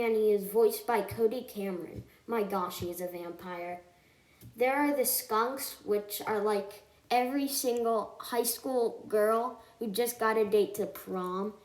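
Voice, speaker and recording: A woman's voice: a little high, unhurried. A woman reviewing a film in a scripted voice-over. She talks earnestly and emphatically and often stops to correct herself. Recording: echoey room.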